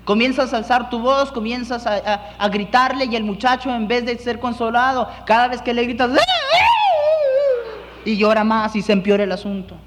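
A man's voice: very high voice, steady tone, brisk, hardly any pauses, fairly bright tone, big-room sound, slight background noise. A male pastor preaching a sermon, acting out scenes and dropping in English words.

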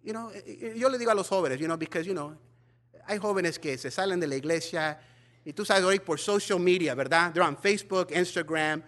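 Fiery bilingual preacher with a bright, high voice. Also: male voice, normal speed. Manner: animated preaching, mixing Spanish and English, acting out gossiping church members. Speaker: pastor. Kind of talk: bilingual sermon.

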